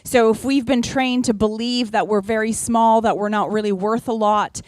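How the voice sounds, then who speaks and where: A woman's voice: a little high, fairly even intonation, normal speed, a little mellow, no echo. A middle-aged woman from the Czech Republic giving a casual talk to a small audience, chatty, with many ums, and asking the listeners questions.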